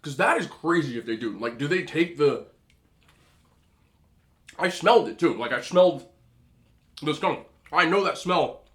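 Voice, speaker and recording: A man hosting a mukbang, chatting casually and telling an animated, slangy, incredulous story between bites as he eats. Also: on the high side, measured pace, long pauses. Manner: eating between phrases. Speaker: host of a mukbang video. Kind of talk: casual rambling storytelling while eating.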